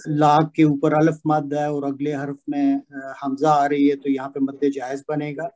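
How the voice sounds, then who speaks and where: A man answering in an online recitation class, hesitant, with many pauses and fillers, over a video call. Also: a little high, completely flat delivery, darkish tone. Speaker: student.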